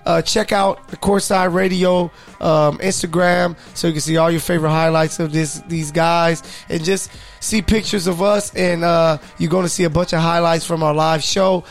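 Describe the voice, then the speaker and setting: Male podcast host, raised gravelly voice, loose and joking, faint music behind. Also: fairly high pitch, fairly even intonation, normal speed, few pauses. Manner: loose, joking, many fillers. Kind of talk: casual sports podcast chat.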